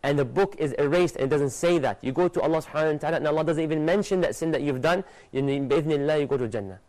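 A young man with a fairly high-pitched voice presents a religious lesson for television, quickly reciting Arabic verses to studio guests while gesturing energetically. He wears a lapel mic, and the audio is poor.

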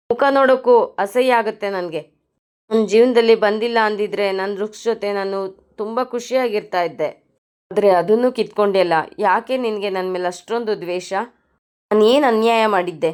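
A furious young man spitting harsh accusations and insults, as a woman reader voices him in a serial recap. The delivery is clear and smooth, with the anger carried in the words more than in a changed voice. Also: on the high side, lightly acted.

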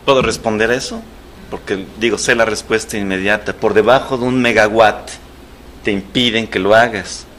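A man's voice: fairly low pitch, steady tone, moderate pace, a bit bright, a little hiss or hum. A man with a Mexican accent in the audience, jumping in to explain assertively. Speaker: audience member. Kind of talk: casual discussion. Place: lecture room. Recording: echoey room.

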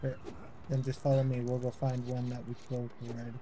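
A man's voice: mid-range voice, monotone, moderate pace, dark tone, a little hiss or hum. A man in his thirties chatting casually while playing a game, giving short guiding instructions. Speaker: streamer, parent gaming with child. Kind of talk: casual gameplay chat. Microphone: streaming microphone. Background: game music.

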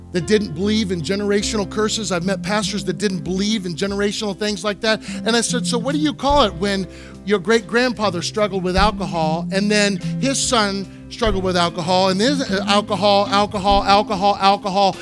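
Pastor, male, very high-pitched voice, emphatic repetitive preaching, soft guitar underneath. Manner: emphatic preaching that swings from quiet asides to loud exhortation; repeats phrases for emphasis. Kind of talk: sermon. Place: church sanctuary.

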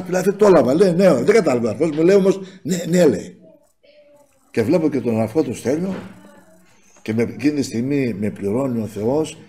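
A man's voice: high voice, darkish tone. A man preaching a sermon in a church community, telling a personal testimony and often calling to his listeners as brothers and sisters.

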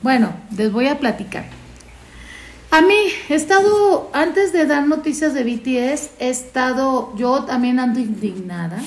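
A woman's voice: a little high, gravelly. A woman, chatting casually to fans on her phone at home, rambling and talking to her dog between news. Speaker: fan news vlogger. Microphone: phone camera. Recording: echoey room, faint noise.

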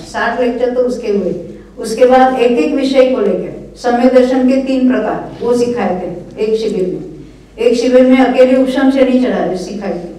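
At a religious study camp, an older female scripture teacher with a warm, somewhat high voice delivers an earnest lecture full of encouragement and frequent check-ins with listeners. The recording captures her from far off the mic in an echoey hall.

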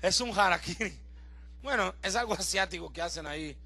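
Male preacher, very high voice with a sharp edge, jokes with the church then builds up loud. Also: fairly quick, gravelly. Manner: joking asides with the congregation. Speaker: pastor. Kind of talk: sermon. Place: church service before a congregation.

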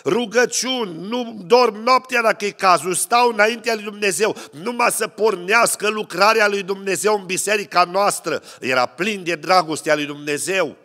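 A man preaches with a rather high voice, telling stories and switching into the voices of the people in them. His words ring out with the long reverb of a church hall. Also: hardly any pauses, pushed and bright. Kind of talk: sermon.

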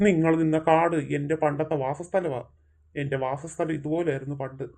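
A menacing male graveyard demon , put on by a woman, speaks in a dropped, heavy voice. He drawls his threats slowly and mocks his victims with gloating laughs. The pace stays unhurried and sinister throughout, in a home-made family skit. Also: low-pitched, fairly even intonation, darkish tone, voice pushed down. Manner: gloating, slow and mocking with laughs.

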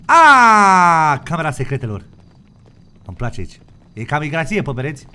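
A man's voice: on the high side, sing-song, sharp tone, clean tone. A man with a Romanian accent roleplaying a captive in a game, cheeky and joking while he pleads for his life. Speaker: streamer playing a roleplay game. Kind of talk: in-character roleplay banter.

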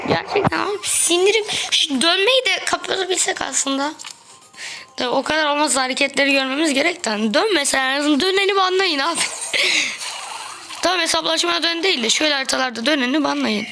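A woman talking through her matches as a gaming video creator, chatty and quick to get exasperated with teammates. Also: sits high, background noise. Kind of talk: gameplay commentary. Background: background music.

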